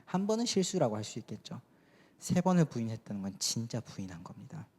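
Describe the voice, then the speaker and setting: A man's voice: mid-range voice, sing-song, quick pace, a little mellow, slightly rough. A man preaching a sermon as youth pastor, talking conversationally and asking the congregation questions. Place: church sanctuary. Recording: long church hall reverb.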